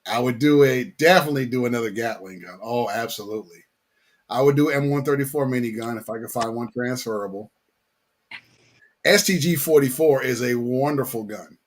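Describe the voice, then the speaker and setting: A man's voice: mid-range voice, fairly quick, a little hiss or hum. A man chatting casually as host in a slangy, laid-back way, often repeating his phrases. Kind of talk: casual chat.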